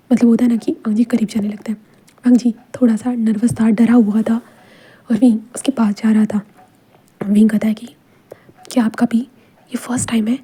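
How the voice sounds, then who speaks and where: Whispered role-play narrator: woman, very mellow, husky breathy tone. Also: on the high side. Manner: casual whispered narration mixing Hindi and English. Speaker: storyteller.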